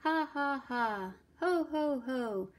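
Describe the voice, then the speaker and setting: A woman voicing the carefree, mocking little pigs of a storybook with high, squealy laughter. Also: very animated, measured pace, a little mellow. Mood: teasing. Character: giggling carefree young male little pigs.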